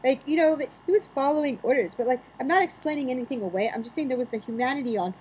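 Speaking very fast in a high-sitting, darkish voice, a woman co-hosting a podcast makes her case in casual chat by stacking up rhetorical questions, clearly opinionated. The audio is poor, with a little hiss or hum.

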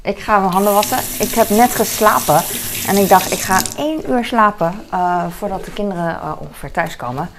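A middle-aged woman vlogger chats casually in her home kitchen, rambling with lots of fillers in a mid-range voice at a brisk pace. Dishes and cutlery clatter and clink nearby amid background noise.

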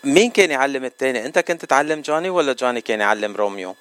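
A man's voice: medium pitch, expressive, rapid-fire, fairly bright tone, clear, resonant tone. An effusive man with a Lebanese Arabic accent, interviewing a guest casually as a radio host. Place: radio show.

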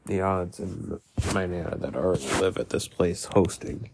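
A man with a gravelly, phlegmy voice, congested from being sick, talking casually about his life in a halting, rambling way. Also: deep voice, a little mellow, a little hiss or hum. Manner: halting, rambling, heavy use of "like"; casual swearing. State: sick, congested with mucus in throat. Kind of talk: casual personal diary-style talk.

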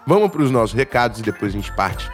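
A Brazilian man hosting a casual sports podcast in informal, halting, slangy talk, his voice slightly strained and failing. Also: medium pitch, very animated, over loud music. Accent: Brazilian Portuguese. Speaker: podcast host.

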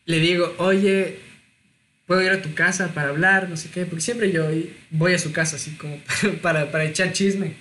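A man, telling a personal story in casual chat, lively and self-mocking. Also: fairly high pitch, a little fast, slight background noise. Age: 20s.

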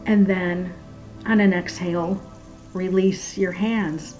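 A woman with a fairly low voice guides a meditation at a very slow, unhurried pace. Her delivery is soft, hushed and soothing, sinking toward a whisper as phrases trail off. Faint music plays behind her. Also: steady tone, poor audio.

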